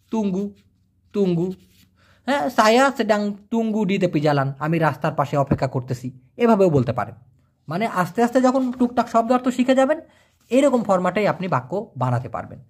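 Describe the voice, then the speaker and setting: A man talks through a casual language lesson. His pitch swings up and down lively as he repeats each phrase slowly, then translates it. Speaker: Malay language teacher.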